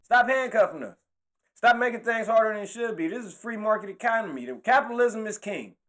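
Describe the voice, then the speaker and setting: High-voiced animated man preaching. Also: fairly quick. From California. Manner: animated, preachy, slangy street talk, gestures while talking. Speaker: political commentator. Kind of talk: impassioned monologue to camera.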